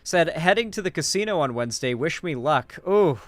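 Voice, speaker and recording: A man's voice: fairly high pitch, animated, brisk, a bit bright, no room sound, soft background music. A man hosting a livestream, chatting and reacting in a casual, rambling, profane way. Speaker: livestream host.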